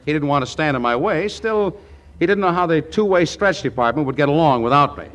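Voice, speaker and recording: A male actor with a fairly high, expressive, slightly bright voice speaks briskly as a brash, naive young small-town songwriter in a 1940s radio comedy. The character is eager, boastful, and stammering, with a folksy manner of speech, and the vintage 1940s broadcast audio is noisy.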